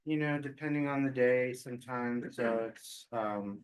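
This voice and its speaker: An American man giving informal remarks as an agency official at a public meeting, with halting phrasing. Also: medium pitch, smooth.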